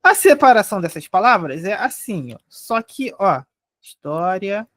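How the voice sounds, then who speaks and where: A young Brazilian woman teaching a live online grammar lesson, explaining step by step and spelling out syllables slowly. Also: medium pitch, very animated, fairly bright tone, no room sound, clean studio sound. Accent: Brazilian Portuguese.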